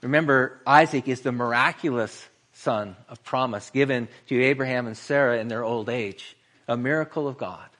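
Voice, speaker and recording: A man preaching a sermon in an earnest way, slowing down and pausing for emphasis. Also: mid-range voice, fairly bright tone. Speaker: pastor.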